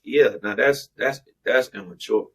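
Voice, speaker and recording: A man's voice: mid-range voice, unhurried, slightly rough, rough recording. A man hosting a casual podcast, slangy and rambling, with many restarts. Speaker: podcast host.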